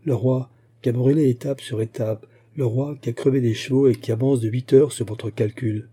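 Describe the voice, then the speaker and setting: A man reading aloud and voicing a loyal friend who brings bad news in a hurried, grave tone. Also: medium pitch, steady tone, warm tone, breathy edge, lightly acted.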